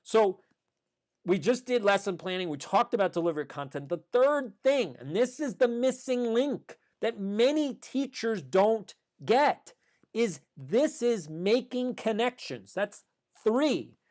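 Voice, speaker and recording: A man's voice: sits high, sing-song, unhurried, a little mellow. A man who runs a school, giving an emphatic podcast monologue about teaching and repeating his key points.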